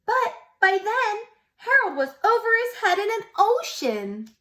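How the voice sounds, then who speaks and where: A preschool teacher reads a picture book aloud to young children, expressive and stopping to ask them questions. Her voice is extremely high.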